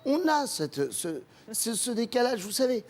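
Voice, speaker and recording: A male comedian chatting as a talk-show guest, lively and digressive, full of quick self-mocking asides. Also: very high voice. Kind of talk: animated talk-show chat.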